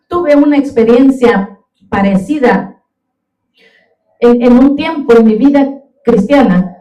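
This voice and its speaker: A woman preaches a fervent sermon in a church sanctuary, repeatedly calling out to her brothers and sisters in the congregation. Her voice is on the high side and warm, caught off-mic in an echoey room.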